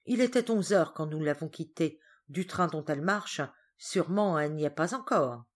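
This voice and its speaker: A woman reading the lines of a stern, forceful elderly spinster in a storybook, brusque and commanding, in a slightly low voice. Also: lively intonation, moderate pace. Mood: grim.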